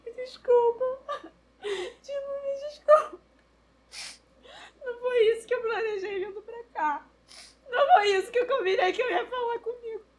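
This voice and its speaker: A woman's voice: extremely high pitch, normal speed, long pauses. A woman playing a young woman in tears, speaking in a broken, tearful voice.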